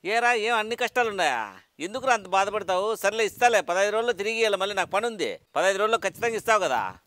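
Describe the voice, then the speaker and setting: Fast, high-voiced man scolding. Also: lively intonation, fairly bright tone. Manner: scolding, demanding his money back. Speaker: lender, lead of comedy skit. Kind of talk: acted village comedy skit.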